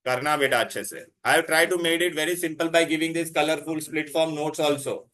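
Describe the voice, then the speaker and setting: Bright-voiced Indian man teaching a class. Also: on the high side, steady tone, fast talker. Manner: insistent, repeating himself and questioning students; mixes Hindi words into English. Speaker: chemistry teacher. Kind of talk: classroom teaching with questions and instructions.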